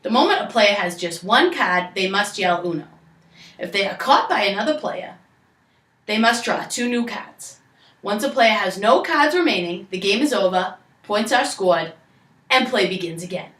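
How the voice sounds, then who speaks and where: Lively young Boston-accented woman, echoey room. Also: mid-range voice, moderate pace. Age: young adult. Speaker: presenter of a game tutorial. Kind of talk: scripted instructional read-aloud in a storytelling manner. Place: living room, indoors. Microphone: camera a few metres away. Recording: echoey room, distant camera mic.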